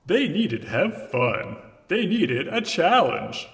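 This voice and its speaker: Man playing an unearthly disembodied entity in deep reverb. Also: very animated, slow pace, gravelly, a bit bright, exaggerated voice. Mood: detached, ominous. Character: unearthly disembodied male entity, existential, brooding creator. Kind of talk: sketch comedy acting. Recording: long hall reverb, music behind.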